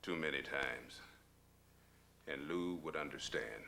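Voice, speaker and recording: An actor playing a male counselor who leads a veterans' group, speaking in a steady, reassuring, gently probing way. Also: extremely low pitch, slow pace, vocal fry, slight background noise, exaggerated voice.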